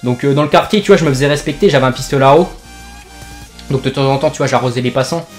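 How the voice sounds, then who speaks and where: A man's voice: medium pitch, quick pace, faint music behind. A young man from France, a gaming YouTuber, tells a made-up joke story over gameplay in rambling, jokey slang full of fillers.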